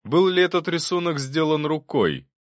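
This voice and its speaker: A sly prosecutor pressing witnesses with pointed, raised questions, as a male narrator voices him. His pitch swings lively from line to line. The sound is dry and close. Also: normal speed, dry recording, close to an everyday voice. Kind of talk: audiobook reading.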